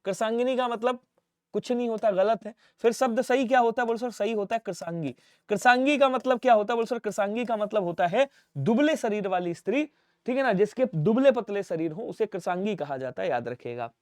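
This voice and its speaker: Guy teaching spellings, highish voice, keeps asking and answering himself, dry close sound. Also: a little fast, dry recording. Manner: drills students with call-and-response questions; stresses and repeats spellings. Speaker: Hindi teacher. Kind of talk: online exam-prep lesson.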